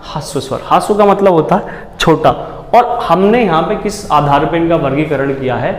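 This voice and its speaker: A man's voice: fairly high pitch, normal speed. Man teaching grammar in an echoey room. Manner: repeats questions and answers them himself, checks understanding often. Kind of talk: exam-prep Hindi grammar lesson. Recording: echoey room with long reverb and faint background noise.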